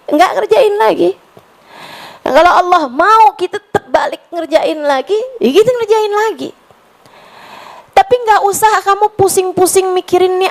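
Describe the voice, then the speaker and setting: A woman's voice: very high voice, low-quality recording. A woman in her forties from West Java, preaching casually to a women's gathering, chatty and mixing in Arabic phrases, slipping into pleading prayer. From West Java, Indonesia. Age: 40s.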